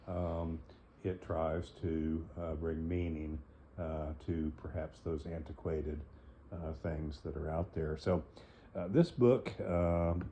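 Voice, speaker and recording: Deep, very mellow man, slightly hoarse. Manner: hesitant, many fillers between phrases. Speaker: host reading and explaining a book. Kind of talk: casual spoken commentary and reading aloud. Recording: dull lo-fi recording, faint noise.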